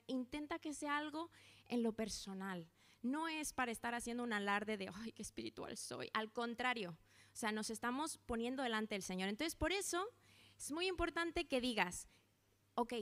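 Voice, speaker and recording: A woman delivers a sermon, her voice sitting a bit high. She speaks in an animated, conversational way and acts out the little quoted voices. She sounds to be in her thirties. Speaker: preacher.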